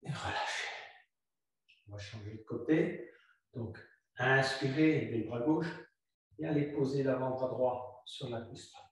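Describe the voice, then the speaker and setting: The recording comes from a very echoey room, with the yoga teacher positioned far from the microphone. He speaks at medium pitch, instructing his flow class calmly and repeating cues slowly.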